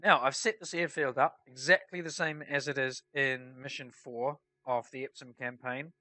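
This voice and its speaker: Guy w a stuffy nose from a cold, bright nasal voice, casually talking thru flight sim gameplay. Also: mid-range voice, steady tone, moderate pace, dry recording. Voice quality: nasal, congested. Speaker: flight sim player narrating a tutorial. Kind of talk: casual explanatory gameplay commentary.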